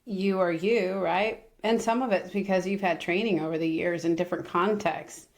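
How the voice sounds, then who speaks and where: A woman coaching host on a podcast, talking with bright enthusiasm and giggling. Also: on the low side, fairly even intonation, moderate pace, gravelly. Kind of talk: casual podcast chat.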